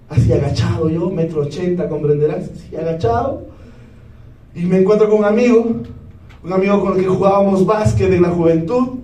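A man in his thirties giving a lively motivational talk, keeps asking the audience yes or no. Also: high voice. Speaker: motivational speaker. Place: large hall with a live audience. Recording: echoey hall, speaker far from the mic.

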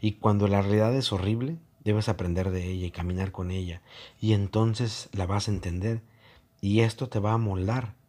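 A man's voice: lowish voice, steady tone, moderate pace, dark tone. A man giving a reflective monologue, mocking and acting out both sides of online arguments.

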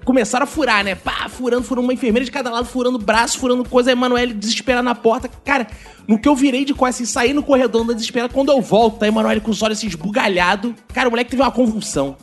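A man with a Brazilian Portuguese accent hosting a casual comedic podcast, telling slangy, profane anecdotes in an animated way. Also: extremely high pitch, rapid-fire, faint music behind. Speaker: podcast host.

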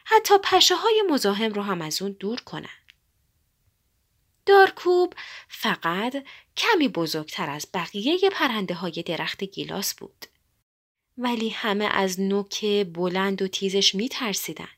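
A woman narrating a children's story in a gentle, expressive way. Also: mid-range voice.

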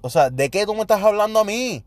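A young Puerto Rican man casually telling personal stories, animated, slipping English slang into his Spanish and acting out what people said. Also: sits high, fast talker, dry recording. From Puerto Rico. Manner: animated, mixes English slang, acts out quotes. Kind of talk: casual storytelling monologue.

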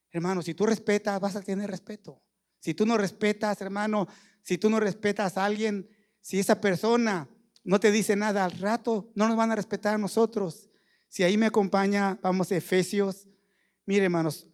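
A man preaching a sermon in a small church, earnestly addressing the congregation and repeating "brother" over and over. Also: high-pitched. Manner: repeats "hermano" constantly, folksy and earnest.

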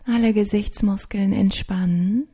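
Slow, breathy woman guiding a sleep meditation. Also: mid-range voice, steady tone. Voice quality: soft, breathy. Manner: soothing, hushed, partly whispered delivery with long pauses. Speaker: guided meditation narrator. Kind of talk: guided sleep meditation, like a sleep story narrator.

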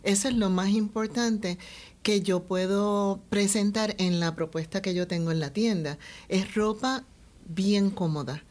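Slow, measured Puerto Rican woman. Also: medium pitch, darkish tone. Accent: Puerto Rican Spanish. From Puerto Rico. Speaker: fashion designer, guest. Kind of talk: interview answers.

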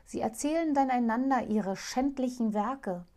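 A woman's voice: fairly high pitch, measured pace, pitched above the performer's own voice, close to an everyday voice. A woman voicing a sad, enchanted princess who lives as an owl, speaking plaintively and formally in a fairy tale reading. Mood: hopeful pleading. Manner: plaintive, gentle, old-fashioned formal speech. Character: sorrowful enchanted princess turned owl, female.

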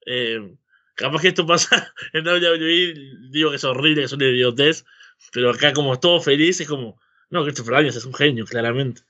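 Male podcast host, Rioplatense accent, forceful bright tone, rambling casual opinions, slightly dull lo-fi mic. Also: on the high side, fairly quick. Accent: Rioplatense Spanish. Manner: rambling, seeking agreement with frequent tag questions. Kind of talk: casual opinionated chat about wrestling.

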